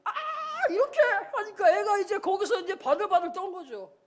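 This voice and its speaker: A man's voice: very high voice, moderate pace. A male pastor giving a Sunday sermon, telling a story and acting out the voices in it.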